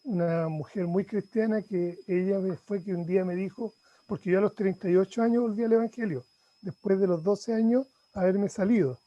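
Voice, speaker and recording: A man's voice: high-pitched, moderate pace, dark tone, muffled recording. A middle-aged man sharing about his grief in a class, hesitant and heartfelt, often restarting. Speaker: student in counseling course.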